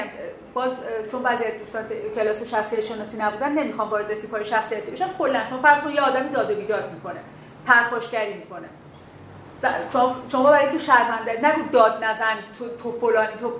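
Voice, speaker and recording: زنی با صدای زیر در حال تدریس. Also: female voice, on the high side, fairly bright tone. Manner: informal, acts out sample dialogues. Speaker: teacher of a relationship class. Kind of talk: class lecture. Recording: echoey room with faint ambient noise.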